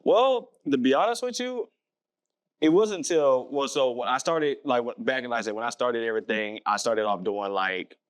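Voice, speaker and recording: A man's voice: medium pitch, brisk, few pauses, clean tone, no room sound. A man from the US South, a filmmaker guest chatting on a podcast, rambling and self-correcting with easy laughs. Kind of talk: casual podcast interview.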